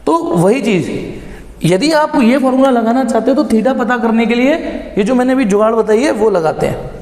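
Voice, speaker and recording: High-voiced man teaching physics, echoey room. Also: normal speed, a little mellow. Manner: explains step by step, repeats key phrases, mixes Hindi with English terms. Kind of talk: blackboard lesson. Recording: echoey room with long reverb.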